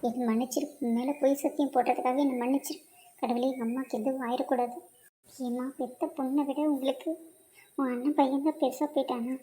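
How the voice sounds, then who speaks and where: A woman's voice: sits high, quick pace, dark tone, slight background noise, lightly acted. A woman playing a desperate young daughter. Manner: tearful, pleading, insistent. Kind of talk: cartoon drama voice acting.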